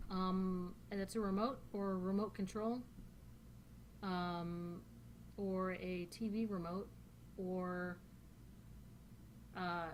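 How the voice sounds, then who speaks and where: The recording is low quality with a little hiss or hum, carrying a lowish, slightly mellow female voice. She's a vlogger whose first language is English, and in a central Northern Californian accent she chats her way through a dialect questionnaire, rambling and using many fillers.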